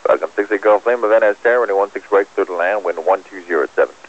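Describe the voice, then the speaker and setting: A man's voice: lowish voice, fast. A man working as an air traffic controller gives clipped, terse instructions over a crackly radio transmission. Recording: muffled, crackly aviation radio recording.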